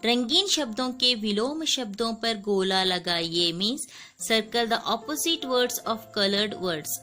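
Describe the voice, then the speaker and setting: A woman teacher speaks slowly and patiently, sounding out each word for young pupils and repeating it. Her voice is bright and forward. Soft music plays quietly underneath. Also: a little high, animated. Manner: mixes in English glosses. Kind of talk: slow classroom lesson for children.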